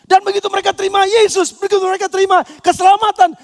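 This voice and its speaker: A man pastor preaching a sermon, animated and acting out quoted voices, at times breaking into shouts. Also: very high voice, very fast. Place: church hall. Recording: long church hall reverb.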